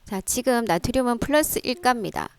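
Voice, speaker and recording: Woman, science teacher, classroom lecture, smooth clear voice, dry close sound. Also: a little high, animated, brisk, dry recording. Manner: step-by-step, frequent "자" prompts, rhetorical questions.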